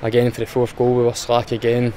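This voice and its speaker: Standing outdoors before a sponsor board, a young footballer with a Scottish accent answers post-match questions plainly and matter-of-factly, with frequent fillers. He talks briskly in a mid-range, warm voice with a totally flat delivery, and there's a little hiss or hum.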